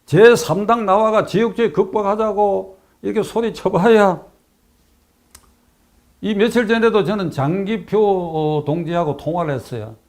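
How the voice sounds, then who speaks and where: Emphatic older Korean man, high voice. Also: measured pace, a little mellow. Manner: emphatic, repeats key phrases for stress, rhetorical questions. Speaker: political commentator. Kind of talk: political commentary monologue.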